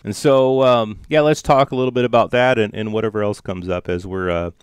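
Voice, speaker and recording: Smooth low-voiced man, casual Bible chat. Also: brisk, no room sound, studio quality. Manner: relaxed, filler-heavy, loose phrasing. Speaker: podcast co-host.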